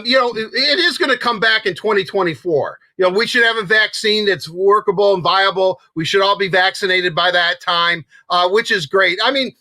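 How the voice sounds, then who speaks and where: High, bright-voiced excitable sports host. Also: male voice, dry recording. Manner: excitable, rambling with many restarts. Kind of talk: casual sports talk.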